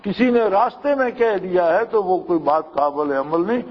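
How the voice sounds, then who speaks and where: A man preaching a sermon in a high voice, pressing his points with rhetorical questions. His voice carries a long hall reverb, and the sound is muffled and dull. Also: expressive.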